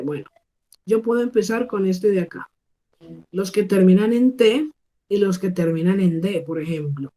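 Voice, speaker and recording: Colombian woman, online teacher, unhurried and mellow, patient checking-in delivery. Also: medium pitch. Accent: Colombian Spanish. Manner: patient, checks in often with listeners. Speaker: English teacher. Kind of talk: online class lecture. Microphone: computer mic on a video class.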